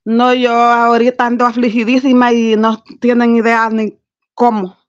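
A woman's voice: on the high side, level tone, moderate pace, muffled recording. A woman calling into a live stream, earnest as she tells a personal story. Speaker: guest caller. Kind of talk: casual chat on a live stream.

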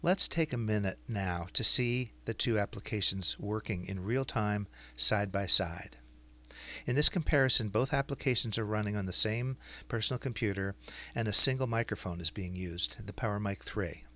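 Lowish, bright male explainer narration. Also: normal speed, dry recording. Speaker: software demonstrator.

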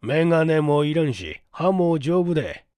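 A crafty, shabby old man of ninety-seven, voiced by a man, speaks in a slow, folksy drawl. His voice sits a little high and is recorded dry and close, with no room sound, as in an audiobook drama. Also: big pitch swings, warm tone, clear, resonant tone, no room sound. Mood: boastful. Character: shrewd, shabby 97-year-old man with bright eyes.

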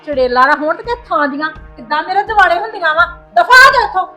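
A quarrelsome Punjabi mother in a family drama, acted by a woman, with a very high, piercing voice. She scolds fast and indignantly, defiant toward her household. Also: lively intonation, sharp tone, soft background music, heavily acted. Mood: angry scolding. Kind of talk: amateur family drama acting.

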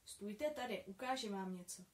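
A friendly young man with a worldly, teasing air, read by a woman in her own voice. He speaks calmly and kindly to two boys, in a storybook read aloud. The voice stays at an everyday middle pitch. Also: echoey room, lightly acted.

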